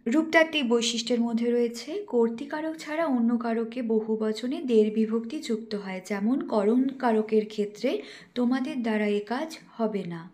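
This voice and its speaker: Young female trainee teacher, higher-pitched, measured didactic read-through of a lecture. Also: darkish tone. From West Bengal, India. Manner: careful and didactic, slows to spell out example words. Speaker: teacher trainee presenting a lesson. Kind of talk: read-aloud lesson presentation.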